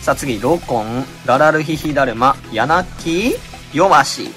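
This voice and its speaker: A man with a Kansai accent chatting casually as he opens card packs, reading out each card and crying out in excitement at good pulls. His voice has been a little out of shape lately. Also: fairly high pitch, measured pace, soft background music. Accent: Kansai Japanese. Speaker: channel host. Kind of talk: casual card-pack opening commentary.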